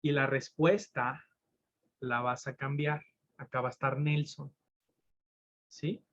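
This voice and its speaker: A man teaching a sign language class over a video call, slow and patient, often checking in with his students. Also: mid-range voice, steady tone, fairly bright tone, highs cut off. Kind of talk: online class explanation.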